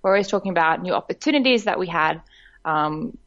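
A woman talks in a podcast interview, recounting her path in an easy, chatty way with plenty of fillers. Her voice sits on the low side for a woman. The recording is somewhat dull and muffled. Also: animated, brisk. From Australia. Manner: warm, chatty storytelling with frequent laughs and fillers. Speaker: guest, director of a women's network.

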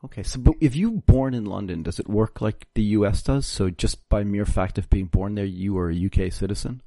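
A man's voice: lowish voice, fairly quick, dark tone, no echo. A man hosting a podcast interview, chatty and joking, often cutting in on his guest. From United States. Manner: jokey, chatty, talks over the guest. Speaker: podcast host. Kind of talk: casual interview chat.

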